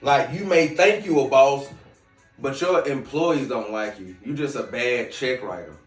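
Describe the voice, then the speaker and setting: A man's voice: mid-range voice, expressive, a little slow, distant mic. A man with a slight Southern US twang hosting a casual podcast monologue in a hookah lounge, brash and lecturing, speaking straight to his viewers. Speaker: podcast host. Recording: roomy, off-mic with music behind.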